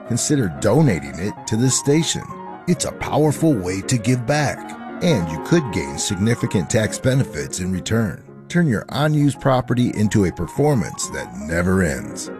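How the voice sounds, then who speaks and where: Deep-voiced male station announcer. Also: big pitch swings, moderate pace. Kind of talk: scripted announcements. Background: music.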